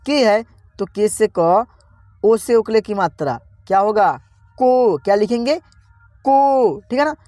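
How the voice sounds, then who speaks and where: Guy with a highish voice doing a beginner lesson, spells stuff out slow, keeps asking the class what it reads, dry close sound. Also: a little mellow, dry recording, soft background music. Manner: slow, repetitive spelling-out, constantly quizzing viewers; friendly, addresses viewers as friends. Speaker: English teacher. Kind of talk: online beginner lesson, reading words aloud.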